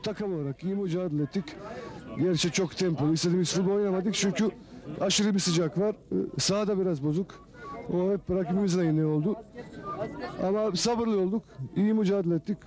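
A man's voice: high-pitched, fairly quick, darkish tone, rough recording. A man from a football team answering a spontaneous sports interview. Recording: outdoor interview with crowd noise.

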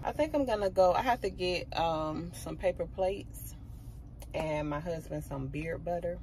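At a measured pace and in a lowish voice, a woman vlogs casually about her life, speaking to her viewers as "y'all" from her bedroom and later from a car. There's a little hiss or hum, and because the camera sits a few feet back, the sound is distant and echoey.

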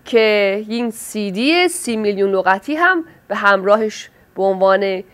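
A woman presenting a product in a sales pitch, fluently listing its features. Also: lively intonation, a bit bright, clean tone.

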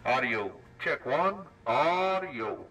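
A man doing a mic check through a CB radio's voice changer, his voice pitch-morphing with added echo. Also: lively intonation, bright, forceful tone, a little hiss or hum. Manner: slow, drawn-out mic check. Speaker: CB shop owner demonstrating a radio.

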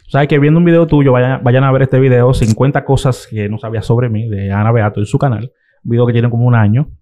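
A man's voice: medium pitch, steady tone, fast talker, warm tone. A man hosting an interview, asking questions and encouraging his guest. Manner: encouraging, short backchannels. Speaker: interviewer host. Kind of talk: casual interview.

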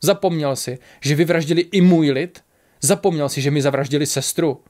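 A man voicing a grieving, furious male tiger warrior who shouts with passion in a storybook. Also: a little high, steady tone, natural voice. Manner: shouting, impassioned.

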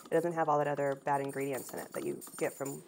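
A woman in her thirties casually talking through a recipe in her home kitchen, relaxed and chatty, picked up by a camera across the room. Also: low voice, quick pace, slight background noise. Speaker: home cooking vlogger. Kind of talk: casual cooking demonstration.

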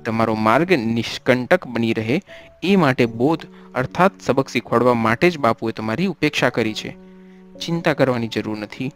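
Audiobook role: man doing a stern, composed holy man, measured counsel, mid pitch, faint music bed. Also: natural voice. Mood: gentle counsel. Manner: steady admonishing, then gentle.

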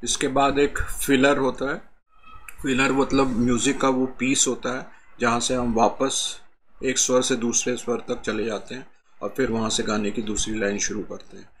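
A man with an Indian accent teaching harmonica in a calm, explaining way, his voice a bit heavy from a cold, singing out note names between explanations. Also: medium pitch, normal speed, a little hiss or hum. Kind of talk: harmonica tutorial.

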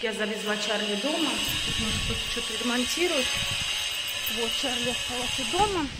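Heavy background noise surrounds a middle-aged woman with a slightly high voice speaking at a moderate pace. She vlogs casually on a handheld phone at arm's length, rambling and thinking aloud while on the move through a stairwell, a parked car and a busy supermarket.

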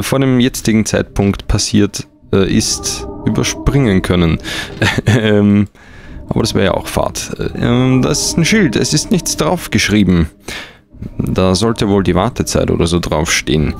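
A man's voice: lowish voice, gravelly, a little mellow. A man doing casual, hesitant let's play commentary on a game with dry irony. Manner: hesitant, dryly ironic. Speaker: let's player.

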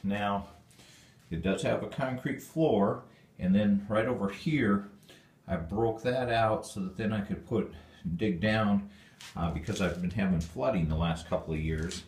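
In an echoey, dark stone basement, a homeowner records a rambling, plainspoken tour of the old space on his handheld phone camera, with fillers throughout. His voice is fairly low and a little mellow, and he takes his time.

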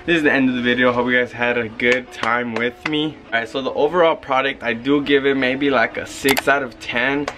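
A man's voice: mid-range voice, steady tone, brisk, few pauses, music in the background. A young man giving a casual, rambling product review while working out on an outdoor covered patio, filming with a handheld camera held close. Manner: laid-back, rambling, chatty. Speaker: vlogger.

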